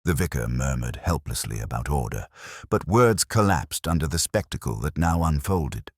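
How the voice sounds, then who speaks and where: A man with an extremely low, husky voice narrates a mystery story in a measured, literary manner, his pitch moving in lively swings. The recording is dry and close, with no room sound at all.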